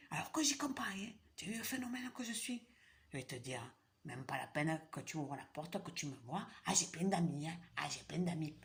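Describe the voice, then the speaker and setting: A woman with a deep, low-set voice rants casually to her viewers. She swings from loud outbursts down to hushed whispers and repeats words for effect. She swears freely along the way. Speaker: vlogger. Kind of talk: casual rant monologue.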